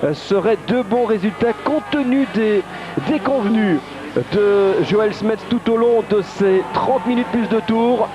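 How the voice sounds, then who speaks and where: A man's voice: sits high, a little slow. A man giving live motorsport race commentary, with hesitant phrasing and repeated positions and names. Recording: dull broadcast audio over crowd and engines.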